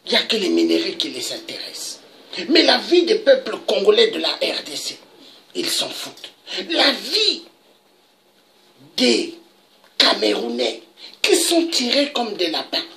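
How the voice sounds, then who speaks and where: A woman's voice: sing-song, unhurried, vocal fry, long pauses, a bit bright, slight background noise. A woman delivering an impassioned political monologue, emphatic and indignant. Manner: emphatic, indignant, with dramatic pitch leaps. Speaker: political commentator.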